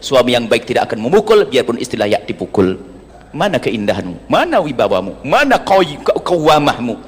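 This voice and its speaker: A man's voice: mid-range voice, wildly swooping pitch, moderate pace, breathy edge. A man preaching a sermon to an audience, teasing and humorous. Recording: long reverb of a large hall.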